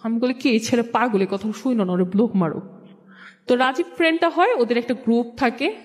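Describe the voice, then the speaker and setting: Her voice is a little high, brisk and slightly mellow as this young Bangladeshi-accented woman, a guest, recounts her personal story in casual speech and re-enacts dialogue. A long hall reverb echoes around her.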